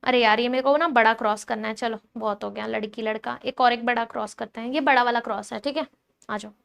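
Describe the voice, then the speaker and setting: High-pitched, gravelly woman teaching. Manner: chatty, teasing, quizzes students directly. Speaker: biology teacher. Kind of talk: animated classroom lecture.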